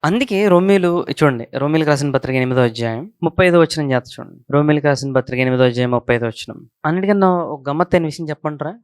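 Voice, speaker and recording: A man with a fairly high voice preaches in an easy, conversational way. He circles back to his main points and keeps checking that the congregation is following. The sound is dry and close, with almost no room echo. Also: fast, smooth. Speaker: pastor. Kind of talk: conversational sermon.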